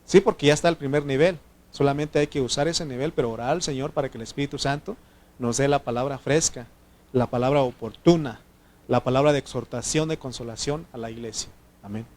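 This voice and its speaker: A man preaching a sermon, teaching the congregation and checking in with frequent questions. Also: fairly high pitch. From Mexico. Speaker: pastor.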